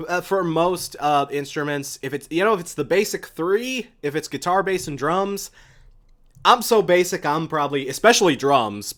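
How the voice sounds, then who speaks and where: Animated young man streaming casual chat. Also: on the high side. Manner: rambling, with many restarts and fillers; enthusiastic about music.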